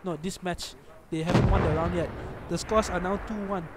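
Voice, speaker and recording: High-voiced Malaysian man casting a match. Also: moderate pace. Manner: excitable, often corrects himself mid-phrase. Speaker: esports stream commentator. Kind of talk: live tournament commentary. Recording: noisy background hum.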